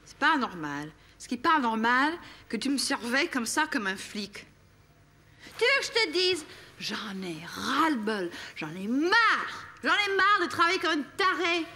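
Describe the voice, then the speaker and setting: A woman's voice: high voice, sing-song, moderate pace, bright, forceful tone, exaggerated voice. An actress playing an exasperated young woman in a sitcom argument, heated and scornful. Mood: fed up. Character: exasperated young woman, fiery and sharp-tongued. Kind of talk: 1980s French sitcom acting.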